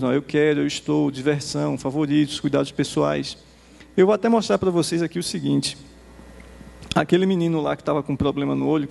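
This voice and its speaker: A Brazilian Portuguese-accented man giving a conversational conference presentation to teachers. He demos software and tags nearly every phrase with a quick "né?". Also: on the high side, vocal fry. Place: conference hall. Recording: reverberant hall.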